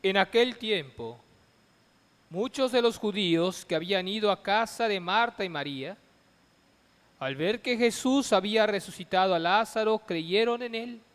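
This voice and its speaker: A man reading scripture as a clergyman at Mass, solemn and measured, declaiming in phrases with pauses, with cathedral echo. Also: high voice, lively intonation, a bit bright. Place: large reverberant church. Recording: long cathedral echo and reverb.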